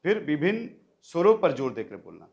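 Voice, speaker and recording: A man's voice: a little high, very animated, fairly quick, vocal fry, darkish tone. A man teaching acting students in a coaching lecture, demonstrating lines and often checking in with them.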